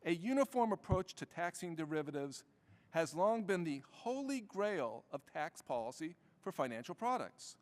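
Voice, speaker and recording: A man in his fifties reading prepared testimony at a hearing in a measured way. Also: fairly high pitch, very animated. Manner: measured, reading prepared remarks with bursts of speed. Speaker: tax lawyer testifying as witness. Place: large hearing room. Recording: long reverb of a hearing room.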